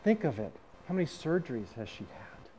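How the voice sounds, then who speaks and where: A middle-aged man telling a personal story in a talk, lively, acting out the dialogue. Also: fairly high pitch, a little fast. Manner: lively storyteller who acts out quoted dialogue. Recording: slightly dull recording with faint background noise.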